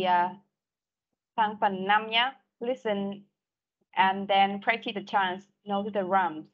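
A woman teaching an online English class, patiently repeating prompts and correcting pronunciation. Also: medium pitch. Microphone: video call. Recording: dull lo-fi call audio.

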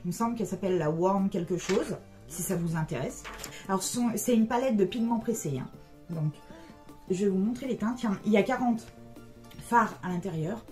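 A woman's voice: medium pitch, fairly quick, darkish tone, faint music behind. A middle-aged woman chatting casually through a makeup review as a beauty vlogger, with many hesitant fillers.

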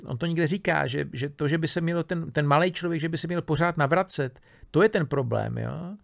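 Gravelly man giving a casual philosophy lecture. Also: on the high side. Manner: casual, thinking aloud with many fillers, restarts and tag questions. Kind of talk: informal spoken lecture on a philosophy text.

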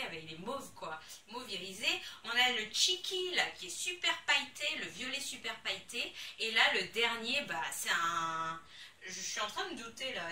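Vloggeuse française enjouée, voix claire et brillante. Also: female voice, a little high, slight background noise. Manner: excitable, gushing, exclamations. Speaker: beauty vlogger. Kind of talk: casual unboxing chat. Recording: echoey room, somewhat far from the mic.

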